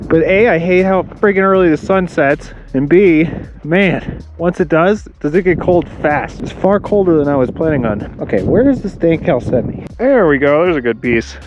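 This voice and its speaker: A man vlogging outdoors while hiking fast at dusk, chatty and enthusiastic, short of breath and laughing often. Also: a little high, lo-fi sound, noisy background. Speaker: rock hunting vlogger. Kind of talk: casual vlog narration while hiking. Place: outdoors at dusk on a rocky hillside. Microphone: action camera and phone.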